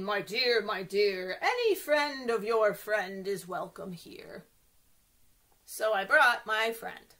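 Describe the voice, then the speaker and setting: A children's librarian with a high, bright voice runs a read-aloud story time for young kids. She's very lively and sing-song, her pitch swinging widely, and she speaks straight to the children, often asking them questions.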